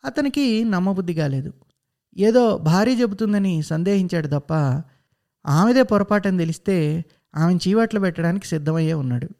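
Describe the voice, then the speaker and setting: A man narrating a short story aloud in a calm, even manner. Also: high voice, normal speed.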